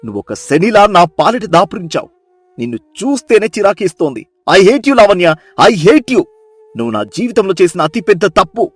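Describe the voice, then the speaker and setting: A furious, scornful husband. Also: male voice, sits high, big pitch swings, moderate pace, slightly rough, dry recording, faint music behind, exaggerated voice. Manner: shouting, contemptuous. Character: furious bitter young husband, scornful and cruel.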